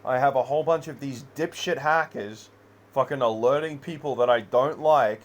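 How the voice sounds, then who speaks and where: A man's voice: mid-range voice, normal speed. A man in an unscripted personal rant, rambling, heavily profane and agitated. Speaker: vlogger.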